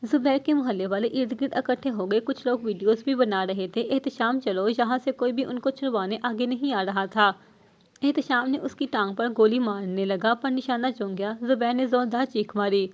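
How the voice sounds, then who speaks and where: A woman reading a novel aloud as narrator in an even, steady storytelling manner. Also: on the high side, highs cut off.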